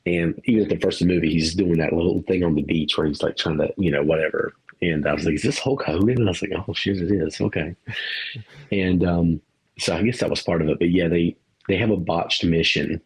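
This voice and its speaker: An adult man, a parent, co-hosts a podcast and rambles through a movie review in casual chat, laughing and swearing now and then. His voice sits low and slightly rough, his pace brisk, and the audio is poor.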